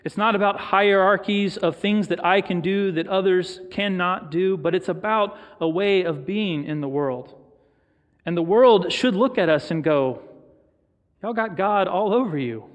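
A middle-aged man preaching a sermon as pastor, reflective and storytelling, with pauses for emphasis. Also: sits high. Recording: long reverb of a large hall.

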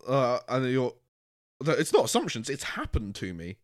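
A British man co-hosting a casual chat podcast, animated and ranting, often laughing and acting out what people said to him. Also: medium pitch, normal speed. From Britain. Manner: animated, ranting, laughs a lot, acts out quotes. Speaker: podcast co-host.

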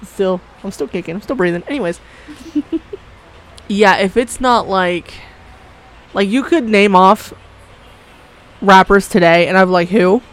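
A woman's voice: mid-range voice, measured pace, long pauses, rough recording. Blunt, foul-mouthed woman chatting. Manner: blunt, swears freely, laughs often. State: coughing briefly. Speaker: podcast co-host. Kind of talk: casual chat.

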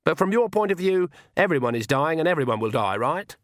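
A stubborn elderly witch answers in a sharp, defiant tone, as a man puts her on. Her voice is pushed well above his own pitch and a bit louder. The sound is dry and close. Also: sing-song, brisk, no room sound. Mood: probing.

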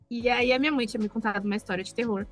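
A Brazilian woman co-hosting a casual podcast, telling a story with animated asides to her friends. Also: on the high side, fast talker, soft background music. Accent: Brazilian Portuguese. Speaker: podcast co-host.

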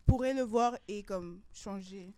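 A young woman with a fairly high, mellow voice. She explains her thought casually, in everyday words, as part of a group discussion. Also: unhurried, no room sound. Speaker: panel participant.

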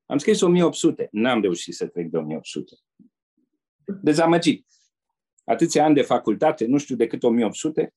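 Older male ex-diplomat telling anecdotes, husky dark tone, relaxed, talks to the listener in asides. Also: mid-range voice, pauses often. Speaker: former diplomat and interpreter. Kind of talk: anecdotal storytelling.

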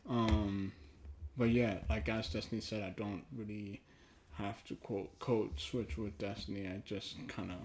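On the low side and level in tone, with a darkish quality, this man's voice leads a casual, reflective podcast. He's from Ghana, with Twi as his mother tongue, and he speaks hesitantly and thoughtfully, often trailing into pauses.

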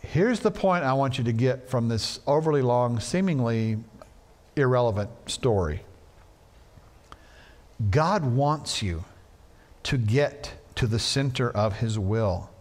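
A man's voice: medium pitch, lively intonation, slow, long pauses, a little mellow. A male pastor preaching a sermon in a church, telling a story with playful asides. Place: church sanctuary.

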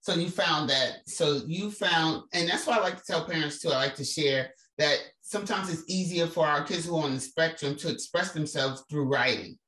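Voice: mid-range voice, moderate pace, few pauses. Affirming host in an echoey room. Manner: warm, affirming, explains to parents. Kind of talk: casual conversation.

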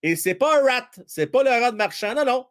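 A man with a Quebec French accent hosting a live hockey stream, commenting on the game and chatting with viewers in a slangy, excitable way. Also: a little fast. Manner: excitable, chatty, slangy, swings between shouting and low asides. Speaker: hockey livestream host.

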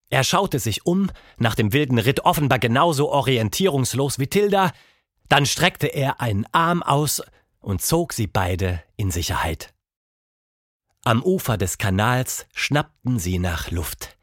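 A man narrating a children's audiobook in a lively, expressive reading style. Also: medium pitch, no echo, studio quality. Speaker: storyteller.

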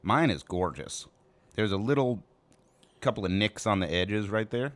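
A man's voice: fairly low pitch, lively intonation, moderate pace. A man hosting a podcast in a casual, informal chat style, swearing freely. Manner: profane, informal. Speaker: podcast host. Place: small back room of a cigar lounge.

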